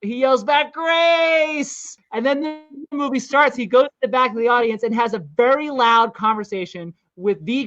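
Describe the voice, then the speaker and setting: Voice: medium pitch, fairly bright tone. A podcast host in their forties, telling film anecdotes in casual chat and chuckling often. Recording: dull lo-fi sound.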